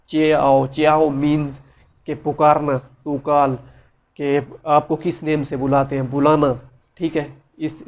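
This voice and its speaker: A man's voice: fairly high pitch, darkish tone, lo-fi sound. A man giving a casual spoken lesson, patiently explaining and repeating each word many times, with many fillers. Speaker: language teacher. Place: side room with noise around.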